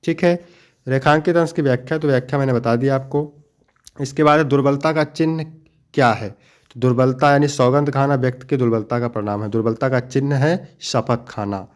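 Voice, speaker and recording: A young man teaching an exam-prep lesson, explaining each answer step by step, slowing down to stress key points and calling his students dear children. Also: medium pitch. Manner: explains each answer step by step, then reads the next question; addresses students fondly.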